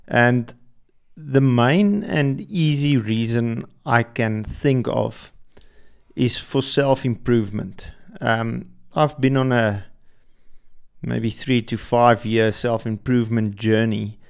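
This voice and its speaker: In a solo reflective episode, a young podcast host whose native tongue is Afrikaans stumbles along with many restarts and fillers. The voice sits mid-range, gravelly but clear, with a resonant tone.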